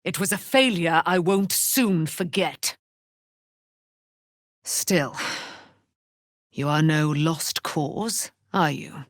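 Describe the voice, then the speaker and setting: In a fantasy video game, a woman voices a proud, righteous immortal warrior, daughter of a moon goddess, speaking in grand, archaic, declamatory language. Her low voice draws out words with frequent pauses, solemn and stately in tone. The studio recording is clean, with no room sound.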